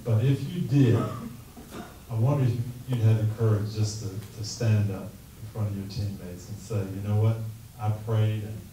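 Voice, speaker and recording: A man's voice: lowish voice, fairly even intonation, slight background noise. Earnest middle-aged man in an echoey room. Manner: earnest, measured, softly pleading. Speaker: guest speaker. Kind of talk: motivational talk and prayer. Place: classroom meeting room, indoors. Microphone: handheld mic. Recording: echoey room, camera from a distance.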